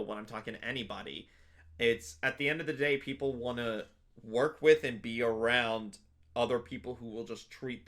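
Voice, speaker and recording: A man's voice: medium pitch, fairly bright tone. A young man chatting as an interview guest, rambling with lots of fillers and restarts. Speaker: interview guest, convention panelist. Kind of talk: casual interview chat.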